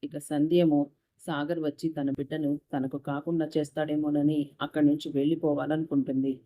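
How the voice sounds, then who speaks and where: Low-voiced woman reading a story. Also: flat delivery, fairly quick, dark tone. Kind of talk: story narration.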